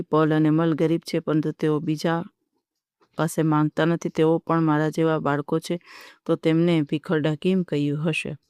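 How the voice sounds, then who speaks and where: Steady, flat-voiced teacher dictating answers. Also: medium pitch, clear, resonant tone, dry recording, clean studio sound.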